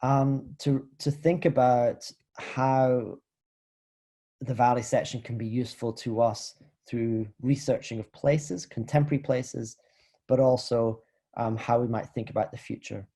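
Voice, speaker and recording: A man from the Scottish Highlands giving an academic talk over a video call, thoughtful and hesitant, with many fillers and restarts. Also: fairly even intonation, unhurried, dark tone. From Highlands of Scotland. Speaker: lecturer. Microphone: video call computer mic.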